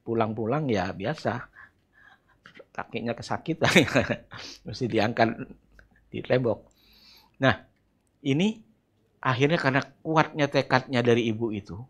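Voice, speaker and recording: A middle-aged man with an Indonesian accent preaching a sermon, telling the story in a lively way and breaking into acted voices. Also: medium pitch. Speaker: church elder preaching.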